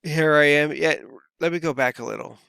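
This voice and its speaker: A man's voice: fairly high pitch, fairly even intonation, brisk, vocal fry, sharp tone, smooth, no room sound, clean studio sound. A man from California talking casually to camera as a vlogger, rambling and easygoing with lots of fillers, his voice a bit worn. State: voice feels worn. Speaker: crypto vlogger.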